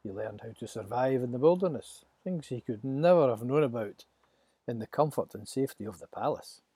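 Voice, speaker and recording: Male storybook narrator, dark, husky, dramatic, dry close sound. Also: medium pitch, expressive, a little fast, no room sound.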